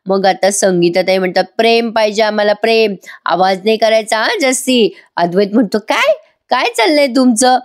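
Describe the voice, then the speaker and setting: A woman with a Marathi accent giving a voice-over review, retelling a TV serial episode and reading each character's lines with light expression. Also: medium pitch.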